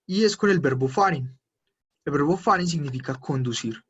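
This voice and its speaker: A husky, fairly high-voiced man, teaching German grammar step by step to a class. The sound is dull and muffled. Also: lively intonation, normal speed. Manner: explains step by step, switching between Spanish and German drills. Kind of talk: online class explanation.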